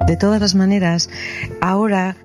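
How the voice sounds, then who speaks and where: Mid-pitched speaker, tentative questions. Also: fairly even intonation, moderate pace, a little mellow, soft background music. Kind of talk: conversational spiritual discussion.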